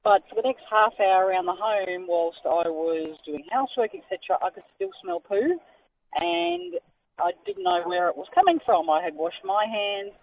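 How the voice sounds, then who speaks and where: A woman's voice: mid-range voice, expressive, moderate pace, gravelly. A middle-aged woman calling in to a radio show, telling an anecdote with laughter. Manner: storytelling with laughter. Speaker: caller. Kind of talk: phone-in anecdote. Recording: tinny phone line, faint noise.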